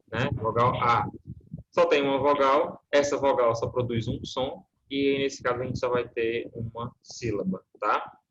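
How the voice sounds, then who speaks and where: A man's voice: mid-range voice, fairly bright tone, highs cut off, a little hiss or hum. A man, an English teacher, explaining lessons in an online class and checking in often with his student. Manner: patient, checks in with frequent "né?" and "tá?".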